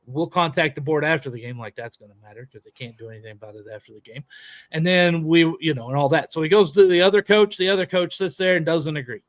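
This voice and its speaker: A man co-hosting a podcast, telling a story in a lively, emphatic way and acting out a heated argument. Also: a little high, fast, dry recording. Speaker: podcast co-host and youth baseball coach. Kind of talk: animated storytelling in casual chat.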